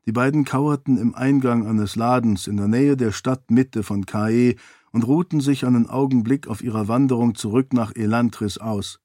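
Audiobook narrator: a man with a mid-pitched voice who reads steadily and evenly, recorded dry. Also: steady tone, moderate pace, dark tone, no echo. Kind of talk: scripted narration.

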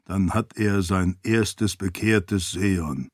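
A man voicing a loyal male spirit living in a floating light orb, with a deep, hesitant voice, speaking slowly and formally to his lady. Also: no room sound, clean studio sound. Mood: relieved. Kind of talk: audiobook character voice.

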